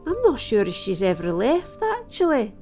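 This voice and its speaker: A woman's voice: fairly high pitch, huge pitch swings, normal speed, a little mellow, faint music behind. A wry, broad Scottish village woman. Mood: wry, reassuring. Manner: dry, teasing, matter-of-fact. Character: wry, teasing, motherly middle-aged Scottish village woman. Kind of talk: audio drama dialogue.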